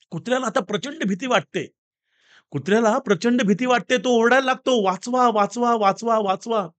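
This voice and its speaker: A man delivers a motivational talk built around a story, his voice high for a man and swinging widely in pitch. He speaks in an animated, direct way, addressing listeners as friends.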